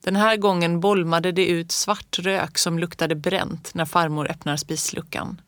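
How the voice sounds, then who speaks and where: Calm low-voiced woman reading a storybook. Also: no room sound, studio quality. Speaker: audiobook reader. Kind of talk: first-person storybook narration.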